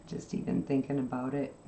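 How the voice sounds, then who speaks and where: A woman hosting a craft channel, chatting casually and softly while she sews, rambling from one subject to the next with plenty of fillers. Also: a bass voice, roomy sound, slight background noise. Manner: rambling, soft-spoken, with frequent fillers. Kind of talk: casual chat while sewing.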